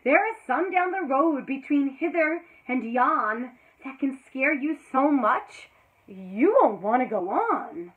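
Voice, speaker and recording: This thirties-aged teacher gives a slow, high-pitched, animated read-aloud of a children's picture book, her delivery leaping from whispers to loud exclamations. The setting is a small indoor room with a green backdrop, and the close built-in camera mic produces tinny, phone-like audio.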